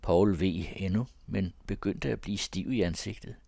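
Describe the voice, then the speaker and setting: Deep-voiced man reading a novel. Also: gravelly, dark tone, dry recording. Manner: measured storytelling. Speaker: narrator. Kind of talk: reading literary fiction aloud.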